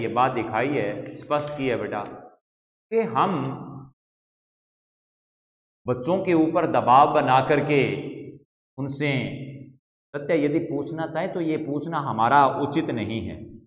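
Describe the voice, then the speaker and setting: A man's voice: mid-range voice, expressive, slow, pauses often. A male Hindi teacher with a Rajasthani accent, reading a story aloud to his class and stopping to explain words to the students. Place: school classroom. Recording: echoey classroom, dull lo-fi sound.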